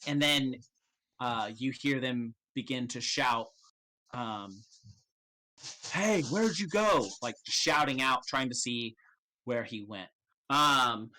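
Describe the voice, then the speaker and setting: Bright-voiced man running a tabletop game. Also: medium pitch, a little hiss or hum, low-quality recording. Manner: casual, halting, swears freely. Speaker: game master. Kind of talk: improvised tabletop game narration.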